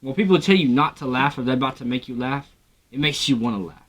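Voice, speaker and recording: A man's voice: mid-range voice, fast talker. A man co-hosting a reaction video in casual, joking chat, laughing often and talking in slang.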